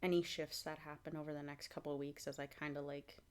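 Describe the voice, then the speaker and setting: A young woman giving a casual fitness vlog update, rambling with fillers and restarts, clearing her throat now and then. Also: deep voice, level tone, fast. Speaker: vlogger.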